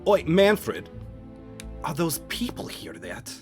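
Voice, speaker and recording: A man's voice: a little high, wildly swooping pitch, slow pace, music in the background, voice pushed up, heavily acted. Man putting on cagey Scottish street kid Johnny. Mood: brash. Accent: put-on Scottish. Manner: blunt, defensive, streetwise. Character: scruffy young red-haired man, cagey and evasive.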